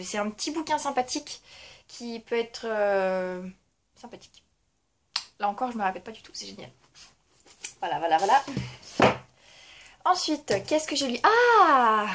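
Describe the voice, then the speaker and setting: A woman's voice: fairly high pitch, a little hiss or hum. Chatty young woman with a raised voice. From France. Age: young adult. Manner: chatty, self-mocking, laughs often. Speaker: book blogger. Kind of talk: casual monthly reading review.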